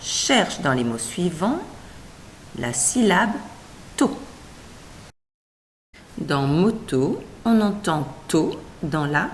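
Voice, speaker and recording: Female teacher, children's reading lesson; slow, melodic, syllable-by-syllable delivery with faint background hum. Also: on the low side, big pitch swings. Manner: slow, carefully segmented syllables, encouraging.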